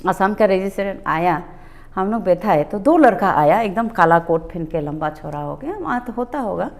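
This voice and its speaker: Animated middle-aged woman telling a story. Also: medium pitch. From Arunachal Pradesh, India. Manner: animated, acts out quoted exchanges, mixes in English words. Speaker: public health nursing officer, guest. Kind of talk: conversational storytelling.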